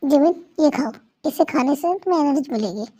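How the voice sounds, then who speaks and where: A woman's voice: high-pitched, animated, brisk, over loud music. A woman voicing a scornful young man who keeps his wife captive, in an amateur fan dub. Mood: flat dismissive. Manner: taunting, scornful.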